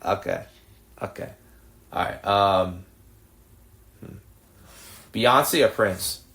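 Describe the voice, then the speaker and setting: A man hosting a podcast, firing off quick this-or-that questions with brief, low-key acknowledgements. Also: fairly bright tone. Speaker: podcast host. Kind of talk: casual rapid-fire this-or-that interview.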